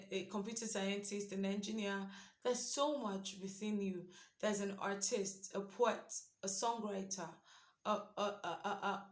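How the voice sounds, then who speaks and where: A young woman talks through a devotional reading in a relaxed, earnest way, as if thinking aloud to a friend. Her voice sits at an ordinary middle pitch, and the room gives it a noticeable echo. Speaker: devotional speaker. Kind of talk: casual devotional reflection. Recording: roomy echo.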